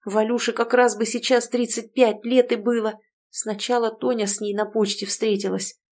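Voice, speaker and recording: A woman voicing an agitated, argumentative man of the house in an audiobook, talking excitably. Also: fairly high pitch, moderate pace. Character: agitated middle-aged man, host of the house. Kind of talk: audiobook character voice.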